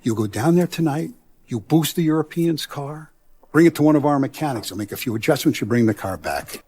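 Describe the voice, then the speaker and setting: A man voices a middle-aged mob boss in a video game, using streetwise gangster talk with deliberate, authoritative delivery. His voice is husky, on the high side, animated and somewhat dark, and he sounds businesslike and confiding. The character is commanding, paternal, proud, principled yet ruthless, performed as dramatic video game voice acting.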